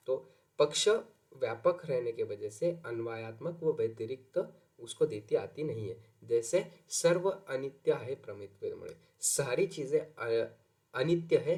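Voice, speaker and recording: Teaching an exam-prep lesson, a man speaks at a middle pitch with a darkish tone. As he explains, he keeps raising rhetorical questions and then answering them himself.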